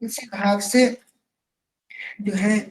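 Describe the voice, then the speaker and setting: A woman's voice: mid-range voice, steady tone, drawn-out words, darkish tone, low-quality recording. A woman giving an earnest devotional discourse, repeating phrases in a pleading way. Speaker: devotional speaker.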